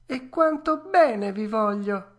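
Woman doing Pinocchio, squeaky excitable puppet boy. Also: slow pace. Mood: excited. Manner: high, excitable childlike voice. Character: wooden puppet boy, impulsive and emotional.

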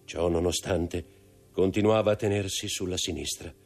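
A man narrating a classic novel in a measured, lowered reading voice. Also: fairly even intonation, a little mellow, soft background music. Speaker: audiobook narrator. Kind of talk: scripted narration.

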